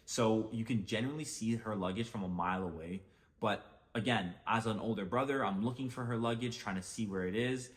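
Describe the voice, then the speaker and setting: A young man with a somewhat low voice narrates a vacation mishap for his channel. He talks in a relaxed, conversational way, often leaning on filler words like "like" and "basically.". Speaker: storyteller. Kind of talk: casual storytime narration.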